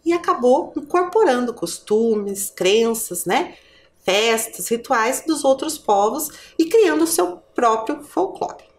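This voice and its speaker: A woman's voice: fairly high pitch, lively intonation, takes it slowly, reverberant. A woman teacher with a Brazilian Portuguese accent, giving a patient lesson to children and asking the viewer questions.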